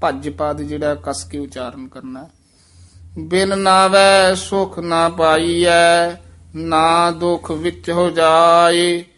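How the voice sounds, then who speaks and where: This is a man leading a recitation lesson. He chants the verses at a slow, drawn-out pace in a fairly high voice. Between verses he drops into quick spoken corrections of pronunciation. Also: little pitch movement, fairly bright tone. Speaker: Gurbani recitation teacher.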